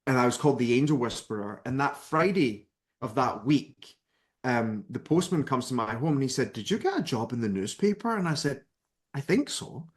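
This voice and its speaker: Here a guest, a spiritual author from Scotland in his thirties, recounts something from his own life at a moderate pace and medium pitch. His storytelling is lively, and he acts out each person who appears in it.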